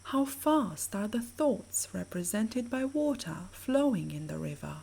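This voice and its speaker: A woman narrates a sleep meditation, her soft, breathy voice mellow and dark in tone. She speaks slowly and soothingly, her pitch rising and falling in a lively way as she gently guides the listener in a measured, instructive manner.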